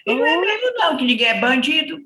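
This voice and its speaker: A woman's voice: high voice, quick pace, reverberant, background noise. A woman from Ceará with a Northeast Brazilian accent, a political journalist chatting as a podcast guest and telling stories, acting out the voices of people she quotes. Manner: animated storyteller, acts out quoted voices. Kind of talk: casual chat.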